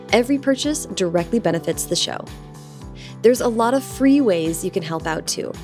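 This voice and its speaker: Bubbly young woman podcast host. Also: mid-range voice. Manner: bubbly, enthusiastic. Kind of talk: podcast host read and interview.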